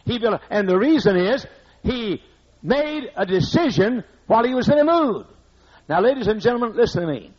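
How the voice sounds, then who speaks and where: A man's voice: high voice, big pitch swings, normal speed, a little mellow, husky. An older man preaching a sermon as pastor in a church, blunt and conversational, scolding the congregation with asides, on a muffled old recording. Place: church sanctuary.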